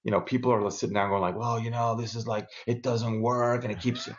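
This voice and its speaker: Talking fairly quickly in a level, mid-range voice, a middle-aged man from South America rambles enthusiastically, restarting often, as a video-call interview guest. He sits in a bookshelf-lined room at home using an earbud headset, and the audio is dull.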